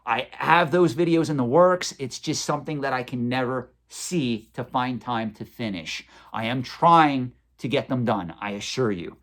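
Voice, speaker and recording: A man's voice: mid-range voice, normal speed, hardly any pauses, a bit bright. A man in his forties hosting a collectibles channel, answering viewer questions in a conversational, opinionated and sometimes sarcastic way.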